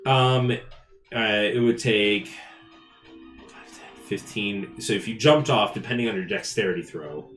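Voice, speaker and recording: A man's voice: fairly low pitch, a little slow, long pauses. A man narrating a live tabletop game as game master, laughing often as he talks. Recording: roomy echo, loud background music.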